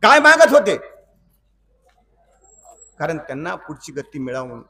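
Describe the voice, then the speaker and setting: A man's voice: fairly high pitch, wildly swooping pitch, moderate pace, pushed and bright, far from the mic. A preacher from Maharashtra giving a storytelling sermon, acting out dialogue between the characters and asking his listeners rhetorical questions before repeating a line. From Maharashtra, India. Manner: asks the audience rhetorical questions and repeats lines.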